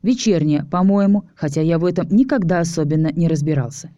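A woman reads a story aloud in a steady, even voice, narrating as a man in the first person. Her tone is lowish and mellow. The recording is close and dry, with no room sound. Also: brisk, no echo. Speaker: audiobook reader. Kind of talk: scripted narration.

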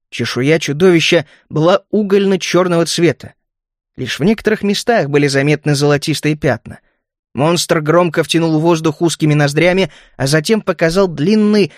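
A man narrating a fantasy audiobook in the first person, measured and vivid. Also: on the high side, dry recording, clean studio sound.

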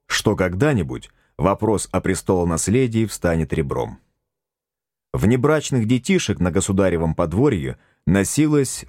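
A man's voice: low voice, a little mellow, no echo, studio quality. A man narrating an audiobook in the first person, with a wry storytelling manner. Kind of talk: audiobook reading.

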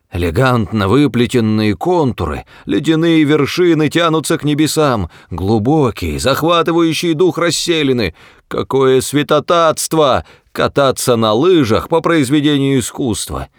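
A man's voice: deep voice, big pitch swings, a little slow, hardly any pauses, no echo, clean studio sound, full character voice. A man playing an elderly planet designer who speaks politely and grows passionate and indignant about his work. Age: older. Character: elderly male planet designer, proud and touchy.

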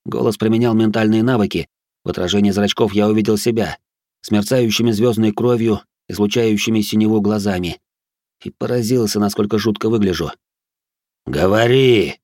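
Low-voiced man narrating a fantasy audiobook. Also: dry recording, studio quality. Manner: steady, measured reading. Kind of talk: scripted first-person narration.

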